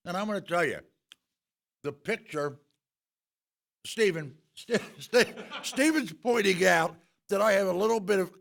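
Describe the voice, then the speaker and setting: A man's voice: sits high, animated, a little slow, creaky, long pauses, fairly bright tone. A man hosting a casual radio chat, joking and talking with his mouth full. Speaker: host.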